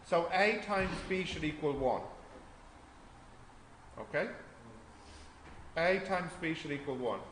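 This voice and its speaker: A man's voice: on the high side, animated, takes it slowly, pauses often, a bit bright. A man tutoring a maths class, explaining step by step and quizzing students as he goes. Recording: echoey classroom with faint noise.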